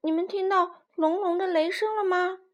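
A woman's voice: extremely high pitch, steady tone, normal speed, dull audio, pitched above the performer's own voice. A woman voicing a curious young chick who asks a lot of questions.

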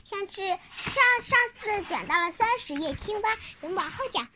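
A child telling a picture-book story informally, halting, repeating words and asking the listener questions. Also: extremely high pitch, expressive, sharp tone, a little hiss or hum.

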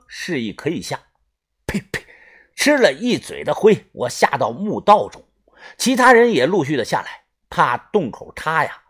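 A man reads a first-person adventure tale aloud, his voice husky and breathy at the edges. His pitch swings widely, rising and dropping with the telling. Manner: animated storytelling. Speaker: storyteller. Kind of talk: first-person audiobook narration.

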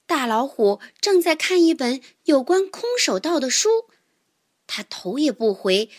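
High, lively woman reading a storybook. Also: unhurried. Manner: expressive first-person narration with sighs.

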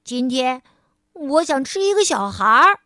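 A woman's voice: high voice, very animated, a little slow, pushed and bright, no room sound, clean studio sound, heavily acted. A woman voicing a stubborn little boy crocodile who whines and insists. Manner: whiny, insistent.

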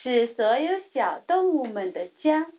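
A woman reading a children's picture book aloud, in a slow, gentle storybook manner, recorded on a tinny phone-like line. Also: on the high side, sing-song, a little hiss or hum.

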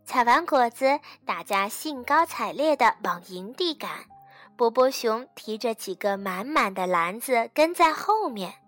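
A woman storyteller reading a children's bedtime story in a slow, soothing way. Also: on the high side, lively intonation, faint music behind. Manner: slow, soothing, fading to soft.

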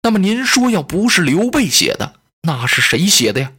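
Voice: medium pitch, very animated, moderate pace, a bit bright, husky. A storyteller voicing a sly, blustering male general who fawns over his lord while plotting. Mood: fawning. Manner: fawning toward his lord, crafty. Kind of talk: traditional storytelling.

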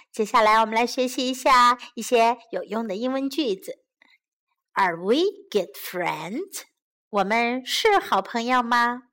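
A woman narrating a bilingual children's story and teaching simple English sentences. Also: fairly high pitch. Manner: slow, clear, expressive.

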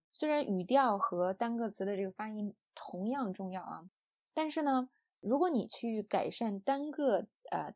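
A young woman from China teaches English pronunciation in a patient, explanatory way, scattering soft fillers as she goes. Her voice is mellow and a little husky, in a middling register. The sound is dry and close. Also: mid-range voice, dry recording. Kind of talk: online audio lesson.

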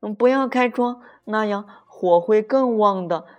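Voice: mid-range voice, big pitch swings, slow, muffled recording, faint music behind, pitched above the performer's own voice. A storyteller voicing a bossy young girl rabbit who gives prim, commanding orders in the kitchen. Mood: urgent.

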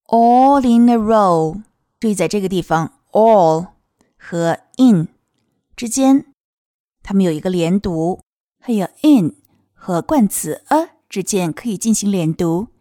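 Lady teacher going over english sounds for a kids song, slow careful examples, dry close mic. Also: on the low side, dark tone, no echo. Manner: models words slowly and clearly. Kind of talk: explaining song lyrics and pronunciation.

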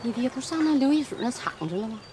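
A woman plays a resigned farm mother, high-voiced and matter-of-fact. Animal noises and loud outdoor ambience surround her. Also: expressive, fast, background noise, natural voice. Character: practical rural mother.

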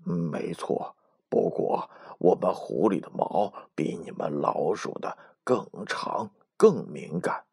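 Here is a wary, grumbling male fox from a children's storybook, muttering low and quiet, as a man voices him. The delivery is slow and gravelly, with a close, dry sound. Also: expressive, exaggerated voice.

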